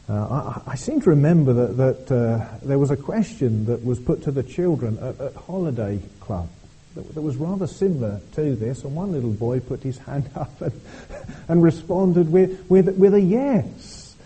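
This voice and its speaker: A male preacher delivers a church sermon in an earnest, halting way, often doubling his words. His voice is dark and mellow, with a husky edge. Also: mid-range voice, poor audio. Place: church service.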